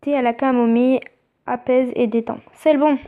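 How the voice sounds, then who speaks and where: A young woman chatting casually as she plays a mobile game, reading its text aloud and thinking out loud. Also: high-pitched, fairly even intonation, normal speed. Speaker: let's play gamer. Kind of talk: casual gameplay commentary. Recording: tinny phone-like sound.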